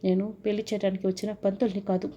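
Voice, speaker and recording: A woman's voice: medium pitch, level tone, fast talker, dark tone, dull audio, natural voice. A woman reading a menacing fake-priest villain. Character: scheming male villain posing as a priest.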